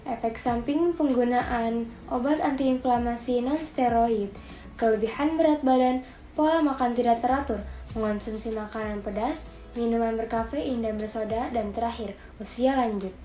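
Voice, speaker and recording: A young woman from Indonesia reads a list of risk factors in a plain, orderly way. Her voice is mellow and slightly high. The sound rings in a roomy space with faint music behind. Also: normal speed. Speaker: student presenter.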